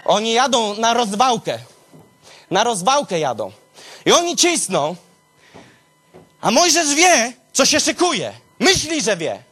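A man preaching in an animated storytelling style, talking straight to his listeners and swinging from low murmurs to high exclamations. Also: slow pace, pauses often.

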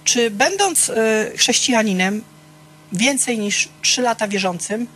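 In an unhurried, expressive voice on the high side and a bit bright, a woman teaches a small church group, with slight background noise. Her style is conversational: she asks questions, uses listeners' names, shares candid stories from her own life and keeps checking in with "tak?".

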